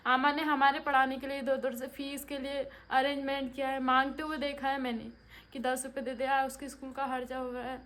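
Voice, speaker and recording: High-voiced woman vlogger, heartfelt. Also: flat delivery, brisk, fairly bright tone. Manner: tearful, heartfelt, addresses viewers as friends. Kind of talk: emotional family vlog talk.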